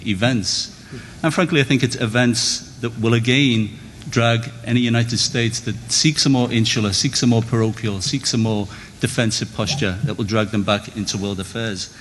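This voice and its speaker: Male debate speaker, mid-pitched, formal and rhetorical. Hall reverb with a faint hiss. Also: a bit bright. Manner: measured, rhetorical, builds lists of phrases. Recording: long hall reverb, faint background noise.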